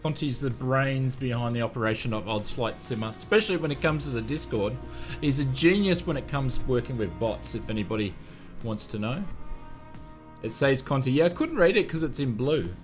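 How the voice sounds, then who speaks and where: A man's voice: medium pitch, lively intonation, fairly quick, faint music behind. An Australian man chatting casually on a live flight sim stream, self-mocking and laughing often.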